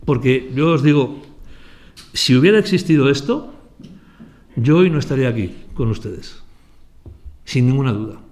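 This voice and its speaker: A man's voice: mid-range voice, animated, moderate pace, pauses often, a little mellow, a little hiss or hum. A man from Aragon, a writer, giving a conversational talk to students that is full of rhetorical questions. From Aragon, Spain. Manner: conversational, addresses listeners directly, rhetorical questions.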